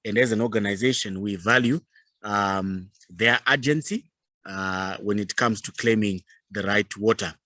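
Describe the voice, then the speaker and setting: This Zimbabwean-accented man, a youth organization leader, presents formally in a deliberate manner, pausing as he goes. The pitch is fairly low and the tone sharp, captured as clean studio sound without any room.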